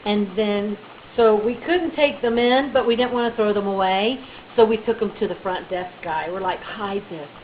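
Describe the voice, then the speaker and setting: A woman telling a funny personal story in a chatty, animated way, with bits of playful baby talk. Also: medium pitch, normal speed, narrow, tinny audio, a little hiss or hum. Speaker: vlogger.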